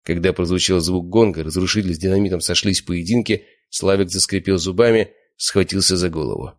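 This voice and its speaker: Deep-voiced male audiobook narrator. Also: fairly quick. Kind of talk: first-person fiction narration.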